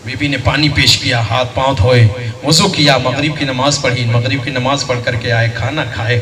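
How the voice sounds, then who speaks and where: A man preaching a sermon to a live congregation. He swings from shouted, high outbursts to low, hushed phrases and keeps asking his listeners direct questions. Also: steady tone, normal speed. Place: large gathering hall with a responding audience. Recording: roomy echo, voice picked up from a distance, crowd audible.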